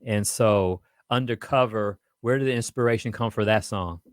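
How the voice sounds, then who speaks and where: A man's voice: on the low side, normal speed, no room sound, studio quality. A man hosting a radio interview show, upbeat and loose, with plenty of fillers.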